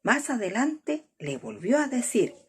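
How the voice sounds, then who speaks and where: A woman telling a children's story in a slow, expressive way, with a husky, breathy voice and whispered asides. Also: a little high.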